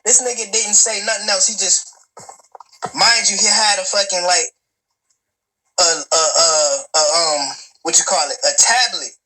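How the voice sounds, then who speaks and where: A man in his twenties tells a long personal story casually, rambling and swearing, stammering, starting over and turning to speak directly to his listeners. His voice is high and bright with a forceful tone and fairly even intonation, and he takes his time. The audio is poor, with slight background noise.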